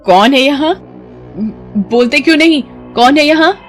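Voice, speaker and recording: A spoiled young sister-in-law from a cartoon, voiced by a woman, shrill and scolding. Her voice sits high and pushes loud, with faint music behind. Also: lively intonation, normal speed, close to an everyday voice. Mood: frightened.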